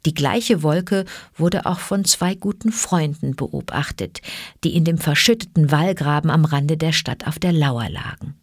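A woman reads a storybook aloud in a calm, measured and expressive voice. Her voice sits somewhat low for a woman. The recording is dry and close, with no room sound. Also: dry recording. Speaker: audiobook narrator. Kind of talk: storybook narration.

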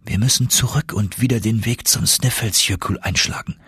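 A man's voice: lowish voice, normal speed, fairly bright tone, breathy edge, no echo, clean studio sound. A man voicing an exhausted young nephew on an expedition, pleading and earnest, in an audiobook reading. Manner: pleading, stammering.

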